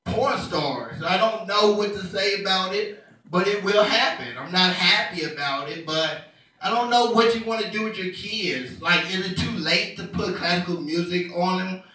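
A young man performing a stand-up comedy set, animated and jumping into characters' voices. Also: normal speed, very echoey, far from the mic, poor audio. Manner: animated, acts out characters with pitch jumps. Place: comedy club stage. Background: audience laughter.

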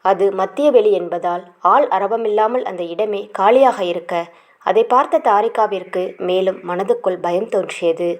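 A woman reading a romance novel aloud as narrator, in a steady storytelling manner. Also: medium pitch, measured pace. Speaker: audiobook narrator.

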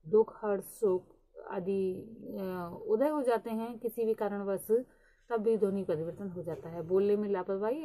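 A woman teaching a lesson at a slow, deliberate pace, with frequent hesitant fillers. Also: medium pitch, dark tone. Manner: reads English definitions very slowly. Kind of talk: lecture.

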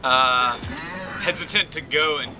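A young man talking through a co-op game, laid-back and rambling with a self-amused edge. His mid-pitched voice carries a steady background hiss from a home mic. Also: measured pace. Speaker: co-op gameplay commentator. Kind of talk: casual gaming banter.

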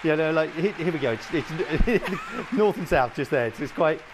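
A man's voice: fairly high pitch, lively intonation, moderate pace, noisy background. A man, around his forties, working as a home shopping host with playful, teasing live sales banter. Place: TV studio.

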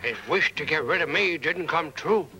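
A high, jokey chimp secret agent, played by a man in a dubbed TV comedy. He sounds offhand and breezy. Clear music runs behind him. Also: animated, normal speed, natural voice, poor audio. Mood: wry. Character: wisecracking male chimp secret agent hero.

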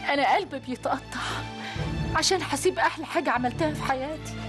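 Actress as an older Egyptian village woman: heartfelt, pleading, slightly high voice, music under her. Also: fast, lightly acted. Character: aging village woman, earnest and loving. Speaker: village guard chief. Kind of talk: TV drama acting.

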